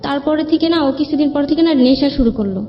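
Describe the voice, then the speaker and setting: A young woman with a high voice and a Bangladeshi accent talks a little fast, telling her life story in an interview in a rambling, colloquial manner. Music sits beneath the muffled, lo-fi recording.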